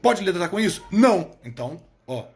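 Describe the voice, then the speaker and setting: Blunt, high-pitched man on a live stream. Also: big pitch swings, normal speed. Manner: blunt, emphatic, repeats phrases for punch; swears casually. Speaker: live stream host, therapist coach. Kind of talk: casual monologue on a live stream.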